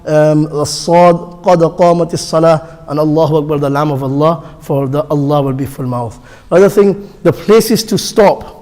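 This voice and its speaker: A man's voice: fairly high pitch, moderate pace, a little mellow, big-room sound. A male instructor teaching pronunciation for the call to prayer, patient and repetitive, demonstrating each sound. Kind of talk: classroom instruction. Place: mosque hall.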